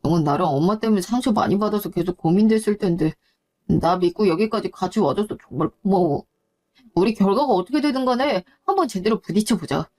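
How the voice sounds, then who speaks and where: A woman voicing an earnest young man who speaks in a soft, coaxing way in a story drama. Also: medium pitch, a little fast, close to an everyday voice. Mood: tender. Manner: coaxing, fond.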